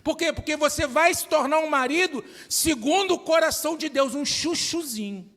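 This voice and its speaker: A middle-aged man preaches a sermon from the pulpit, his voice pitched high for a man. He drives his points home with repeated questions thrown out to the congregation. The sound carries the long reverb of a church hall. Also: moderate pace, a bit bright. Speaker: pastor.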